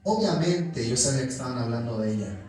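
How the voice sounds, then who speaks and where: A man's voice: mid-range voice, animated, fast talker, a little mellow. A young Mexican man preaching a sermon and telling a story, addressing the congregation as brother again and again. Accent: Mexican Spanish. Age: young adult. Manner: storytelling, calls the congregation "hermano" constantly. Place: church hall. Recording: echoey church room, mic at a distance.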